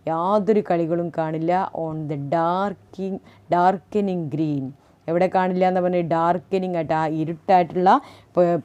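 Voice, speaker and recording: A woman's voice: on the low side, mellow, clear, resonant tone. A woman teacher with a Malayali accent explaining a poem, reading lines aloud and asking questions that she answers herself. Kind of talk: class lesson explaining a poem.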